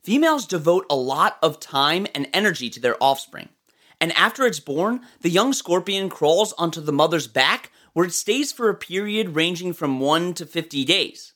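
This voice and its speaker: Lively nature documentary presenter, mid-pitched voice. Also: normal speed. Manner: explanatory, informal, addresses listeners directly. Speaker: educational presenter. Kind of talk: nature documentary style educational narration.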